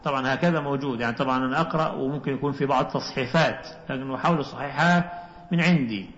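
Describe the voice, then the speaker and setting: A male scholar giving a religious lesson, reciting classical texts slowly and then explaining them in quicker plain speech. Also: mid-range voice, a bit bright, a little hiss or hum. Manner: measured, slows to recite quoted texts then explains briskly. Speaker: Islamic scholar teaching a class. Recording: dull echoey hall recording.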